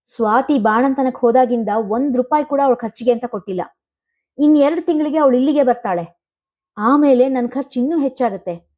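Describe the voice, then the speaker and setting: A proud young husband, quick to anger, his voice rising sharply as he argues about money, read by a woman telling a family story. He sounds bitter and wounded in his pride, and his lines come out high and pushed. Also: warm tone. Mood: resentful. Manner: raised, resentful voice.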